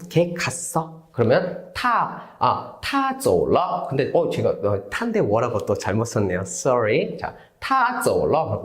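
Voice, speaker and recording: A man's voice: mid-range voice, roomy sound. A man speaking, teaching a lecture-style lesson, asking questions and answering them himself, acting out example phrases. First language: Korean. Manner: lively, asks and answers his own questions, acts out example phrases. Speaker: Chinese language teacher.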